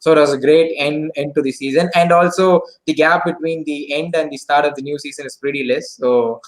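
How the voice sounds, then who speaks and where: A man who makes fantasy football content, chatting on a casual online show in a relaxed way, often using fillers and "so". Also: a little high, a little fast, rough recording.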